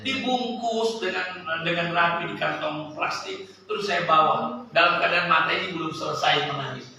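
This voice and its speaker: A man preaching a sermon and telling a personal story, with an animated voice that climbs and sinks sharply. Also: fairly high pitch, normal speed, a little hiss or hum. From Sulawesi, Indonesia. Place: church service hall. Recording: echoey church hall, from a distance.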